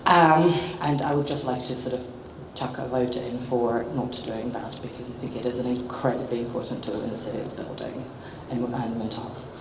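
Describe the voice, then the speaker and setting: A woman's voice: extremely low pitch, steady tone, normal speed, hardly any pauses. A woman from the Czech Republic with a London British accent, speaking as a psychotherapist in a group discussion with hesitant, reflective phrasing. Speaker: psychotherapist and audience contributor. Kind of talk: spontaneous comment at a group discussion. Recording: echoey room, background noise.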